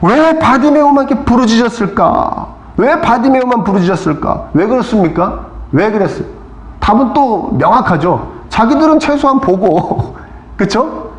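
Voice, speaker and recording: The South Korean pastor sounds animated this time, his fairly high voice ranging broadly in pitch at a normal pace, the sound echoing through the church hall. His sermon is packed with questions to the congregation and calls of amen. He dramatizes the story's crowd voices and rebukes.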